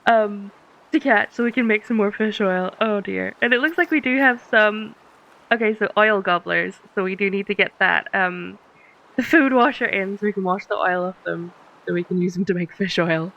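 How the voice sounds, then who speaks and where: A woman's voice: mid-range voice, normal speed, gravelly, fairly bright tone, muffled recording. Chatty woman narrating her gameplay. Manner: chatty, giggles at puns, thinks aloud. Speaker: let's play host. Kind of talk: casual gameplay commentary.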